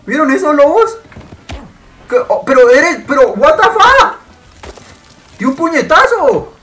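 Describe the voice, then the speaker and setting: Male gaming host, excitable play-by-play, swears a lot, pitch swinging widely. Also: a little slow, soft background music. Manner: excitable, shouts and swears at the game. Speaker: gaming YouTuber. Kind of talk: gameplay commentary.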